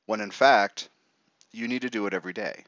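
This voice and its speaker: Guy leading a guided meditation, kinda deep voice, measured short phrases, no room echo. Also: fairly bright tone, lo-fi sound. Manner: measured, instructive, pausing between short phrases.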